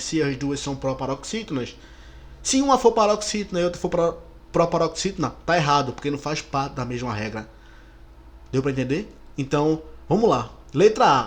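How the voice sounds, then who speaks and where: Lively Brazilian exam-prep teacher. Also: male voice, a little high. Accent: Brazilian Portuguese. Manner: lively, stretches key words, checks in with the class. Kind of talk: explaining exam questions.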